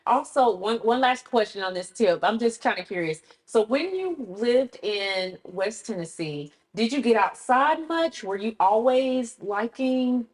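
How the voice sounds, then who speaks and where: A woman hosting a casual interview, asking curious questions with quick affirmations. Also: a little high, lively intonation. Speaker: host.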